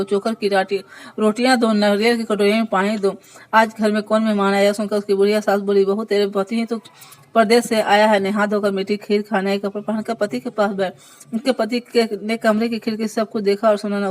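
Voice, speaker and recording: A woman reading a devotional fasting tale aloud, at a steady pace that often stumbles and corrects itself. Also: medium pitch, low-quality recording. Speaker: devotional storyteller.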